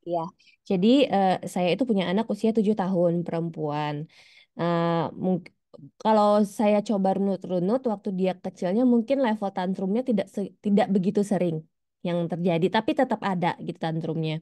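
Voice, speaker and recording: Brief: woman in her thirties, parent caller, rambling and hesitant, mellow tone, dry close sound. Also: medium pitch, brisk, no room sound. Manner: rambling, hesitant, many restarts. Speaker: parent asking a question. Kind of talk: casual spoken question on a call.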